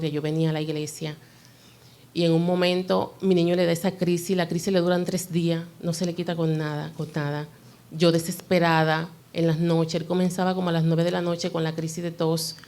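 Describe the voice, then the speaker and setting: A woman with a low voice gives her testimony before a church congregation. She speaks earnestly and with feeling, addressing the listeners as brothers and sisters. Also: gravelly, darkish tone. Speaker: church member giving testimony.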